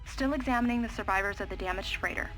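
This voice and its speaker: An actress playing a female medical officer on a mining station, reading brisk, matter-of-fact log entries in a video game. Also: medium pitch, lightly acted, poor audio. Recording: game audio under music.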